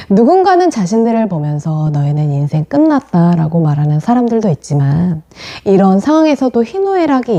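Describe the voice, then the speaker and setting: A woman giving a devotional as a pastor's wife, with a mellow, darker tone. Her pitch moves a lot as she retells stories in a gentle, earnest way. She sounds expressive and sincere throughout.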